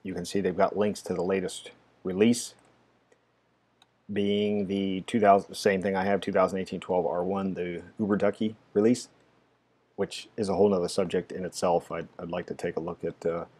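A man narrating a casual screen-recorded software tutorial, explaining each step with frequent "uh" fillers. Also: deep voice, little pitch movement, moderate pace, husky. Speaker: tech tutorial presenter.

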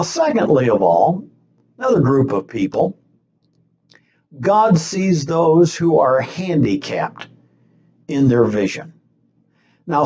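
Older male pastor, webcam sermon, slow measured delivery with a swooping, animated pitch. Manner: slow, deliberate preaching with lively rising and falling pitch. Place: small chapel set with stained-glass backdrop, indoors. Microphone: webcam facing him at desk distance.

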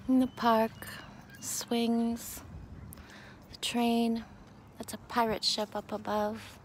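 A Canadian woman vlogger muses dreamily on a lakeside beach, chatting casually and rambling into a handheld phone while swearing freely. Her voice is on the high side, level in tone, and slow. The outdoor phone recording carries faint noise.

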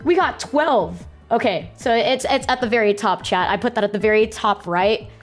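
A high-voiced young woman streams from her bedroom on a close mic with music underneath. She talks to her chat like a playful, excitable gamer girl, slangy and quick to swear. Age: young adult. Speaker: live streamer, host. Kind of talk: casual livestream chat with viewers. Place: small bedroom streaming setup. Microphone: close boom-arm microphone, headset on.

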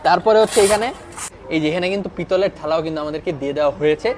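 A young man hosting a food review vlog in a restaurant, talking excitedly and emphatically, often asking "okay?". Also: on the high side, racing, a little hiss or hum. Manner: excited, emphatic, keeps asking "ঠিক আছে?". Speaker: food vlogger. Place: restaurant dining room.

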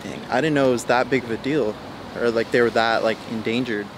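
Laid-back young guy vlogging to an arm's-length camera outside, slangy and chatty, loud outdoor noise behind him. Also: mid-range voice, fairly even intonation, a little fast. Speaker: travel vlogger. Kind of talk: casual travel vlog. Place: outdoors on a hiking trail and beach. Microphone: handheld action camera at arm's length.

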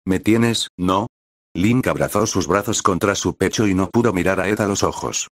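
A man reading fan fiction aloud in a plain, even way, with small stumbles. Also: low-pitched, fairly quick, no room sound, studio quality. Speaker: reader.

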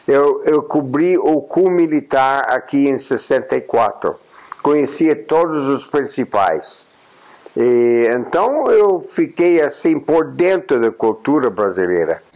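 Being interviewed indoors in a plain room, an American journalist and honorary consul in his eighties, a native English speaker, talks reflectively. His medium-pitched voice has a darkish tone and is expressive, and he takes his time, often pausing with "ah" and starting over.

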